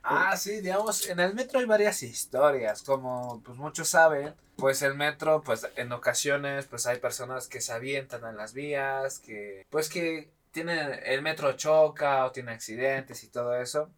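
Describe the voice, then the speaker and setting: A young man with a Mexican Spanish accent, co-hosting a casual chat and telling stories in a relaxed, slangy way. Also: mid-range voice, measured pace, few pauses. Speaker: podcast co-host.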